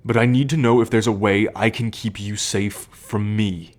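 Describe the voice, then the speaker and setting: With a lowish, steady, natural voice, a young man takes the role of a protective, troubled male werewolf in ASMR roleplay. His speech is earnest, measured, and halting, like he's sharing a confidence.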